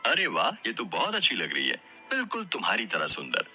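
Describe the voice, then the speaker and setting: A man voicing a kind, generous older mother in an audio story, talking warmly and affectionately. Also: on the low side, huge pitch swings, fairly quick, faint music behind, heavily acted. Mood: warm, motherly.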